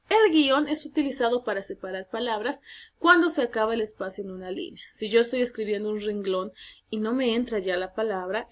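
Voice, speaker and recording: A woman teacher giving a spoken grammar lesson, explaining step by step and reading examples aloud. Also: on the high side.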